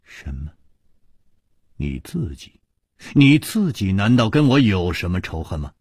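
A man voicing a calm shrewd hero in a storytelling performance, measured and slow. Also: deep voice, breathy edge, no room sound, clean studio sound, exaggerated voice. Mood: puzzled.

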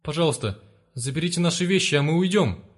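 A man reading aloud, voicing a father in an everyday, low-key voice. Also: animated, fast. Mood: pleading. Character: gentle father, then pleading for his family.

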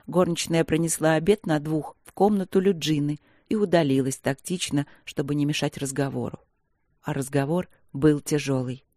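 An audiobook narrator reading a novel in an even, measured way. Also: medium pitch, no room sound, studio quality. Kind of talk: scripted narration.

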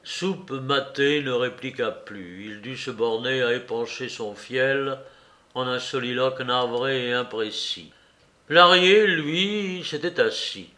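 Slow, measured male audiobook reader. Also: mid-range voice. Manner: measured, expressive literary reading. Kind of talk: scripted audiobook narration of a novel.

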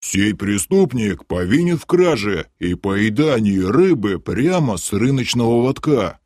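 A man doing a gruff barking city guard. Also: fairly low pitch, big pitch swings, a little slow, darkish tone, dry recording, clean studio sound, exaggerated voice. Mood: stern. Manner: barking orders, grumbling, suspicious. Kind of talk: audiobook character voice.

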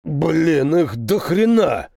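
Guy reading a rough foul-mouthed soldier, worn out, blunt, audiobook. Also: a little high, very animated, drawn-out words, dark tone, no echo, studio quality, exaggerated voice. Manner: coarse, blunt, weary. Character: rough, crude male soldier. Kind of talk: audiobook character voice.

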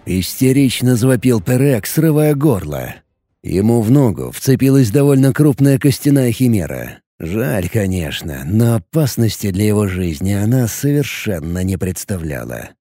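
A man narrating a fantasy audiobook with an expressive storytelling delivery. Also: mid-range voice, moderate pace, no room sound, clean studio sound.

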